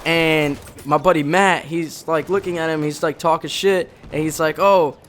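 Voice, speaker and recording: A man's voice: on the high side, steady tone, moderate pace, fairly bright tone, slight background noise. Rambling, foul-mouthed young man from the Bronx. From the Bronx, New York. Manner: rambling, heavy swearing, frequent self-corrections. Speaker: former Marine storyteller. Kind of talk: casual profane storytelling over gameplay.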